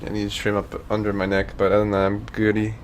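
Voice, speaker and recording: A man's voice: lowish voice, completely flat delivery, fast talker, slight background noise. A man from Northern Virginia chatting casually on a stream, rambling and swearing freely. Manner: rambling, profane, easygoing.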